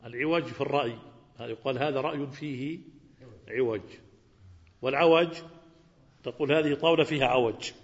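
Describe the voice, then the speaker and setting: A man's voice: mid-range voice, brisk, pauses often. A man teaching a Quran lesson, asking his students questions and repeating key words. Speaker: religious teacher. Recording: reverberant hall, dull lo-fi sound.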